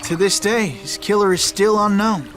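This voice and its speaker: A man's voice: high-pitched, moderate pace, a bit bright, soft background music. An actor playing an eager young man in a western game, reacting with amazement to a storyteller. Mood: awed.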